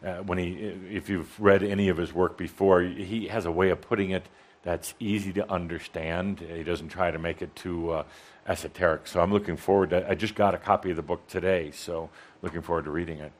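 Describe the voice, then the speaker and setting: A man's voice: deep voice, steady tone, a little fast. A man hosting a live event, chatting casually and loosely with many fillers. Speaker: host. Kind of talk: casual chat before a live audience.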